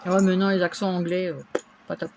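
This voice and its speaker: A woman's voice: lowish voice, level tone, brisk, a little mellow, a little hiss or hum. A woman chatting casually through a shopping haul video at home, with lots of fillers and little interjections. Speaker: vlogger showing a shopping haul.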